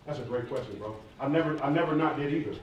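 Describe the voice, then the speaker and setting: In a casual audience Q&A, a fast-talking American hip hop artist and former college athlete from near Atlanta answers candidly and informally with slang. His mid-range voice comes through lo-fi from a distant mic in a large echoey hall at a live event, with a crowd and faint noise behind him.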